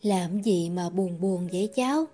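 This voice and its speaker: A man voicing a gentle, worried old grandmother who coaxes and pleads softly. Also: high voice, measured pace, faint music behind, voice pushed up. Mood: worried, coaxing. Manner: soft, coaxing, pleading.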